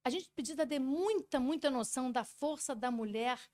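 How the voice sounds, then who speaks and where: A woman psychologist giving an animated talk, explaining with rhetorical questions. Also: high-pitched, moderate pace, no room sound. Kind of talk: talk to an audience.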